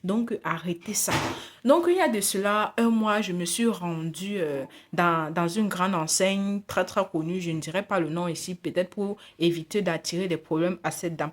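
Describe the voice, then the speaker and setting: A woman's voice: on the low side, normal speed, slight background noise. Woman vlogger, casual indignant storytelling, repeats herself and restarts often. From Africa. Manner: indignant, repetitive, many restarts and fillers. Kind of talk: casual storytelling rant to camera.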